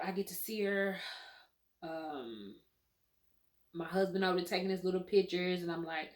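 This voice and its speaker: A young woman telling a personal story in a casual, chatty vlog, talking straight to her viewers. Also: mid-range voice. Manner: chatty, animated, addresses viewers as y'all and girl. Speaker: vlogger.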